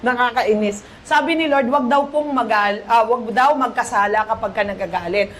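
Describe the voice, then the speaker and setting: A woman pastor with a Filipino accent preaching a lively sermon, asking the congregation "Amen?" and quoting scripture in English. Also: a little high, moderate pace, a little hiss or hum. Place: church.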